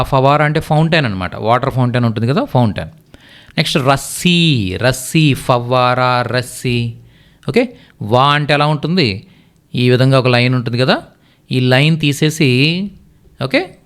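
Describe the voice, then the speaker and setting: Man, mid pitch, patient tutor repeating each word, trailing off softly at phrase ends. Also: expressive, a little slow, long pauses. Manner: repetitive, patient, drops voice on closing phrases. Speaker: Hindi teacher. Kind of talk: explaining lesson.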